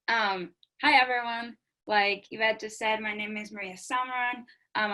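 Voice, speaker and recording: A woman's voice: medium pitch, pushed and bright, poor audio. A woman in her twenties from Honduras, speaking casually on a video call from her dorm room and filling her talk with likes and ums. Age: 20s. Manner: chatty, many fillers of like and um. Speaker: panel speaker.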